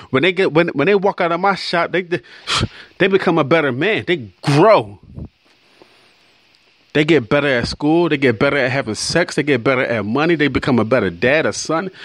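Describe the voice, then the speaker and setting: A man's voice: fairly high pitch, fairly bright tone, no room sound. Emphatic swearing barber man. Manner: emphatic, preachy, swears a lot. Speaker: barber and podcast host. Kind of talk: motivational monologue.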